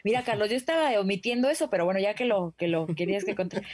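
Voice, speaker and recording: A woman, co-hosting an entertainment show and telling a story in an animated way, with frequent laughter. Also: mid-range voice, fast, no echo. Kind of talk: casual gossip chat.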